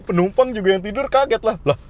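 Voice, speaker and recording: A man's voice: mid-range voice, lively intonation, moderate pace, a little mellow. Joking young man. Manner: joking, slangy, laughs at his own jokes. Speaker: vlogger. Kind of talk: casual comedic monologue. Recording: dull, slightly muffled recording.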